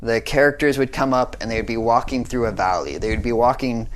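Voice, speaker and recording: A young American man gives a short devotional talk, earnest and conversational, often checking in with "right?". His voice is medium-pitched and brisk, with slight background noise.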